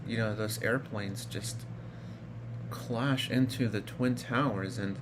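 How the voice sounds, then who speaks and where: Slow and fairly low-pitched, with a fairly even intonation, a male vlogger in his thirties from Iraq shares his personal story. He rambles casually, full of fillers and restarts, and background noise is present.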